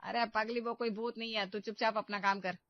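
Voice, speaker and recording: A woman's voice: fairly high pitch, fairly even intonation, brisk, lo-fi sound, lightly acted. A woman voicing a weary middle-aged mother-in-law. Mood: placating.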